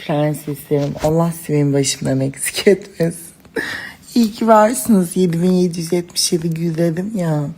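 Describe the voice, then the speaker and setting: A woman's voice: lowish voice, normal speed, warm tone, breathy edge. A woman talking to her followers in casual phone story clips, dramatic and gushing, calling them princesses and girls. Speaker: social media personality.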